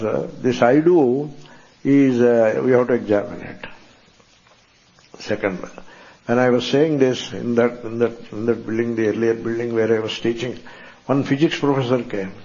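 A man's voice: medium pitch, steady tone, measured pace, long pauses, a little mellow, breathy edge, highs cut off. A man teaching scripture to a class in an enthusiastic, repetitive way, chuckling now and then. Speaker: Vedanta teacher.

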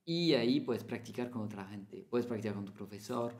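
A man's voice: lowish voice, normal speed. Chatty teacher man. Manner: chatty, repeats phrases, small Spanish slips. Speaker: French teacher. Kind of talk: casual spoken lesson to camera.

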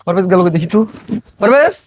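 A man playing a frantic village father, very high voice. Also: big pitch swings, fast talker, slight background noise. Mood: worried. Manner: shouting, accusing, pleading. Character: distraught village father, home after long away. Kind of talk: amateur short film drama.

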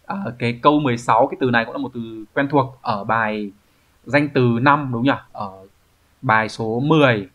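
Thầy giáo nam giảng bài đều đều, tiếng hơi đục. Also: male voice, mid-range voice, normal speed, dull audio. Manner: explanatory, asks rhetorical checks like "right?". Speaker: Japanese language teacher. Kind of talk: explaining exam answers.

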